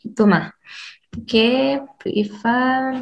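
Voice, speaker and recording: A woman's voice: fairly high pitch, steady tone, extremely slow, creaky. Woman explaining patiently to parents. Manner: explains patiently, many fillers, reads questions aloud. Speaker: educator for parents of children with hearing technology. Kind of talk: online parent seminar with Q&A.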